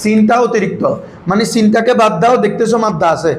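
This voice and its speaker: A male Arabic grammar teacher, drilling his students with quick questions in a patient classroom manner. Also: high-pitched, echoey room, slight background noise, poor audio.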